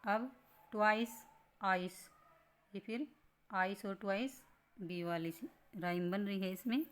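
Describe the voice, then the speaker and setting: A woman teaching a school lesson at an unhurried, deliberate pace. She repeats each point patiently and keeps asking rhetorical questions as she works through the material. Her voice sits at a middle pitch. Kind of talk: classroom lesson explanation.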